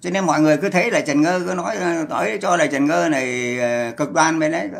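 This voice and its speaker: A man's voice: on the high side, fast talker, creaky. A man ranting on a livestream, scolding and cursing in a heated voice. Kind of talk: angry livestream rant.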